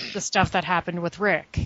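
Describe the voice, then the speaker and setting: A woman's voice: lowish voice, fairly even intonation, unhurried, fairly bright tone, dry recording, highs cut off. A woman co-hosting a casual chat, recapping events with dry, sarcastic asides. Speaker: podcast co-host recapping wrestling.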